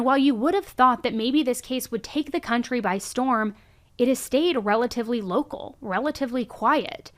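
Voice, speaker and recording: A woman's voice: on the high side, fairly bright tone. A woman hosting a true-crime podcast, speaking emphatically and getting heated, on a podcast microphone. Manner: emphatic and fired-up. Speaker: podcast host.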